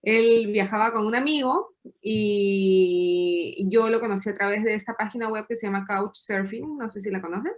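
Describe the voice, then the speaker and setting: A woman from Peru in her thirties, a podcast guest telling her story in a lively, chatty way with occasional laughs. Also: mid-range voice, moderate pace, muffled recording. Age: 30s. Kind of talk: casual interview storytelling.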